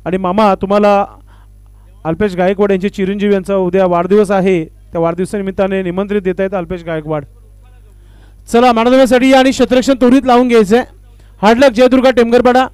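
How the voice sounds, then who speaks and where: A man doing live commentary and formal stage announcements at a local cricket tournament, with honorific phrases and filler pauses. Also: high-pitched, steady tone, a little mellow, clear, resonant tone, no echo.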